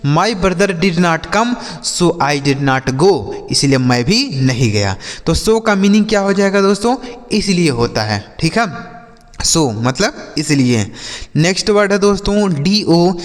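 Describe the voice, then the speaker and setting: A man teaches English word by word in a casual online lesson. His voice sits a little high for a man. He stretches each English example slowly, then gives the Hindi meaning. A long reverb trails after his voice. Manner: slow drawn-out English example sentences, repeats "ठीक है" and "दोस्तों".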